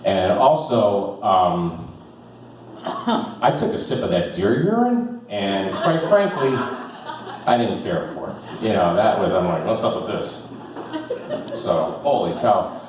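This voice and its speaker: A man's voice: on the low side, very animated, slow pace, long pauses, noisy background. A man in his fifties doing a rambling, self-deprecating stand-up set, full of fillers, in front of a small live audience. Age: 50s. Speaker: stand-up comedian. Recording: echoey room from far off.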